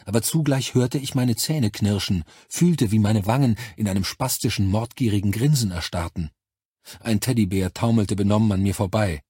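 A man reading a science fiction story aloud as a first-person audiobook narration in an even, measured way. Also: lowish voice, husky, dry recording, clean studio sound.

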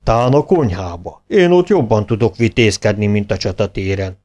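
A man voicing a grumbling, greedy, cowardly old male cook in a storybook, drawling slowly. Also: lowish voice, expressive, a little mellow, highs cut off, natural voice.

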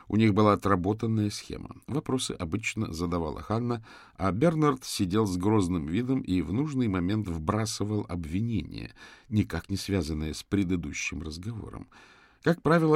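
Gravelly low-voiced male narrator. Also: darkish tone, no echo, studio quality. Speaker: audiobook narrator. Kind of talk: scripted narration.

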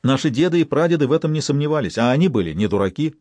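A man's voice: on the high side, animated, very fast, a little mellow, dry recording, voice pushed up. A man reading an audiobook, voicing a panicky young male bank clerk in a hysterical, pleading way.

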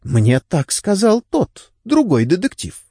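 A man voicing a frightened, sharp-tongued wife under police interrogation, speaking high and insistent. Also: huge pitch swings, slow, slightly rough, dry recording, studio quality, heavily acted.

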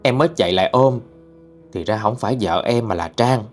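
A man's voice: lowish voice, brisk. A man narrating a first-person ghost story in a plain, mournful way. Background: faint music.

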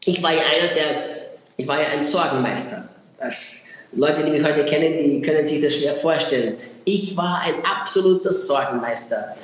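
A man's voice: on the high side, moderate pace, a bit bright. Man preaching in a very echoey hall. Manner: earnest, emphatic repetitions. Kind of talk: sermon. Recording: very echoey hall with faint noise.

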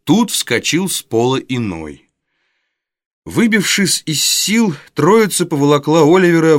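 A man reading a classic novel as an audiobook, with expressive, dramatic storytelling on a close studio mic. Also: mid-range voice, no room sound. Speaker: narrator. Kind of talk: scripted audiobook narration.

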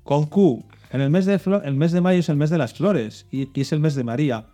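Hosting a religious quiz for children, a man reads each clue and then coaxes with hints. He speaks at a normal pace in a fairly high, mellow voice, with soft music in the background.

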